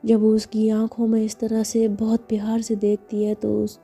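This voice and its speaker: A woman's voice: a little high, completely flat delivery, moderate pace, gravelly, warm tone, slightly rough, soft background music. A woman narrating a love story in a chatty way, speaking directly to her listeners.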